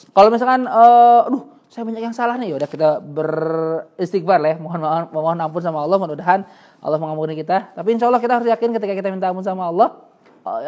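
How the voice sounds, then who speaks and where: A male Quran teacher gives a casual tajwid lesson. He talks in a loose, conversational way and stretches out Arabic letters to demonstrate them. Light laughter often breaks up his explanations. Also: sits high. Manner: chatty and relaxed, slowly demonstrating Arabic letter sounds.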